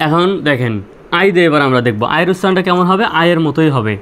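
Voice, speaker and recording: A man's voice: on the high side, expressive, rapid-fire, a bit bright, slight background noise. A male teacher explains pronunciation rules step by step. He repeats himself and asks questions, then answers them himself. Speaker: English teacher. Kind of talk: spoken language lesson.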